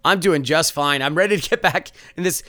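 Quick, animated, sarcastic young male podcast host, dry close sound. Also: on the high side, dry recording. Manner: sarcastic, self-mocking, quick jokey delivery. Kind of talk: sports betting podcast, casual chat.

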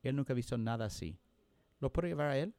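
A man voicing a humble young woman who asks softly and hesitantly, as though pleading. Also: medium pitch, fast, dry recording, lightly acted. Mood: hopeful pleading.

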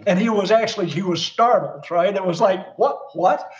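A man's voice: high voice, brisk, muffled recording. A man guest telling a story in a casual conversation, acting out the voices of other people in it. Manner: animated, acts out quoted dialogue.

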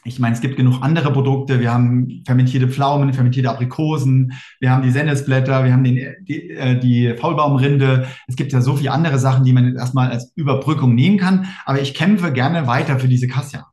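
A man with a German accent telling his story fast and emphatically in a casual interview, acting out quoted exchanges. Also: mid-range voice, steady tone, a little mellow, reverberant. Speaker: interview guest.

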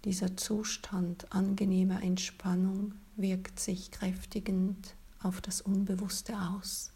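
Very breathy, whispery woman guiding relaxation slowly. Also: medium pitch, level tone. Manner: soft, soothing, whispery spa-like delivery. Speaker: guided relaxation instructor. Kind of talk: guided meditation, slow scripted narration.

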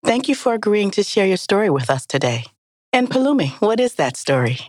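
A woman's voice: medium pitch, big pitch swings, fairly quick, darkish tone, no echo, clean studio sound. A woman hosting an interview, introducing her guest politely and asking questions.

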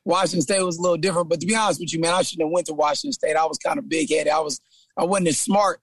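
A man from San Jose, a trainer and former football player, telling his story as a guest in a relaxed interview, with frequent "man" and repeated words. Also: a little high, racing, breathy edge, no room sound. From San Jose, California. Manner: laid-back, says "man" often, repeats himself. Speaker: guest, trainer and gym owner. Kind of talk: casual interview chat.

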